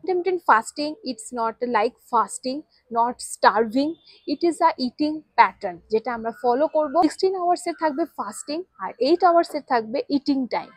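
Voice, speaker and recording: A woman's voice: sits high, animated, unhurried, no echo, poor audio. A woman, a vlogger laying out her rules step by step at home, slipping English words in. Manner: lists rules step by step, mixing English into Bengali. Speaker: fitness vlogger. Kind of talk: scripted-sounding vlog explainer.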